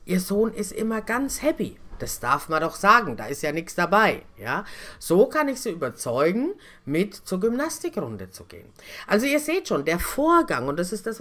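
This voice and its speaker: A woman trainer teaching care staff, giving expressive talk and acting out role-play examples while she speaks directly to her learners. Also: on the low side.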